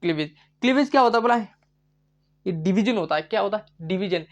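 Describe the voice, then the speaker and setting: A man's voice: high-pitched, lively intonation, fast talker. A male biology teacher giving a live online lecture, asking questions and answering them himself, repeating each key term. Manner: chatty, addresses students as bhai.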